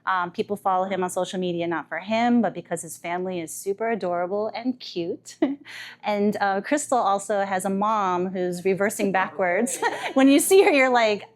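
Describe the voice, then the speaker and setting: A woman in her thirties moderates a live panel with easy, chatty energy. She laughs often and fills her talk with casual fillers, at an ordinary middle pitch. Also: moderate pace.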